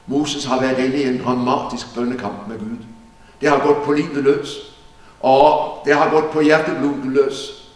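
A man's voice: medium pitch, fairly even intonation. Earnest male preacher in an echoey church. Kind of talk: sermon Bible teaching. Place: church hall. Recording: echoey church hall from far off.

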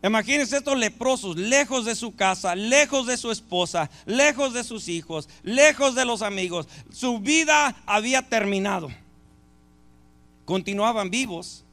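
A man's voice: high-pitched, fairly bright tone. A male pastor, preaching a sermon and asking the congregation rhetorical questions.

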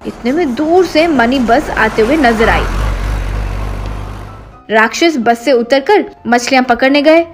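A woman narrating a comic cartoon story in a steady storytelling manner. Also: sits high, slow, long pauses. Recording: faint background music.

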